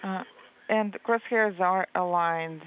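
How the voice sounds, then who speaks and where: A woman giving a live translation voice-over of radio exchanges, speaking in halting pieces with many hesitations. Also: lowish voice, slight background noise. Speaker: interpreter. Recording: very narrow phone-like line.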